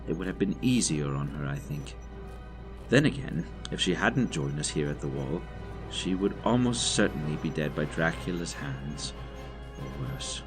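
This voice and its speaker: A man playing a grave, weary older military doctor and leader in an audio drama, speaking in formal, measured phrases. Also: rumbling low, expressive, music in the background. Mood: grave, apprehensive. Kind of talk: audio drama acting with journal narration.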